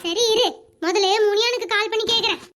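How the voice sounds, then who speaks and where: Performer doing a brusque gossipy village woman, very high squeaky voice, fast, scolding, cartoon. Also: sharp tone. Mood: blunt. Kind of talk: animated comedy dialogue.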